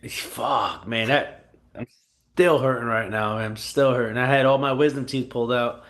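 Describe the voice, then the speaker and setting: A man's voice: mid-range voice, moderate pace, a bit bright. A man with a Brooklyn accent, a fighter talking casually as an interview guest with plenty of swearing and slang. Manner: profane, slangy, buddy-like.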